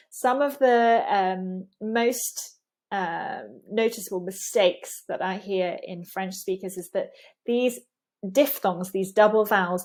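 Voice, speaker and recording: A woman's voice: mid-range voice, darkish tone. A woman giving a pronunciation lesson, patiently explaining and repeating words with exaggerated mouth movement. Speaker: pronunciation coach.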